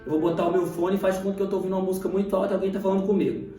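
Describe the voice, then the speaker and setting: A young man with a Brazilian Portuguese accent giving a casual, animated sermon to camera, acting out Bible scenes. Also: high voice, very fast, recorded from a distance. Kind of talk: casual preaching video. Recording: echoey room, voice off-mic, faint music.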